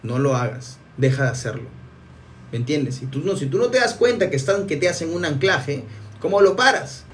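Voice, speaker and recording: A man's voice: fairly high pitch, big pitch swings, normal speed, fairly bright tone, far from the mic, a little hiss or hum. A man coaching on a live stream, talking energetically and restarting words often. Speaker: NLP coach. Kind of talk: live stream teaching, answering viewer comments.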